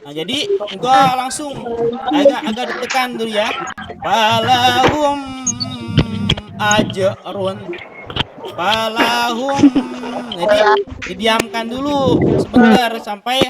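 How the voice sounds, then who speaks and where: A man's voice: very high-pitched, a little slow. A man teaching an online class on Quran recitation, explaining patiently and drawing out the recited examples over a video call. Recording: loud hiss and clicks on a video call.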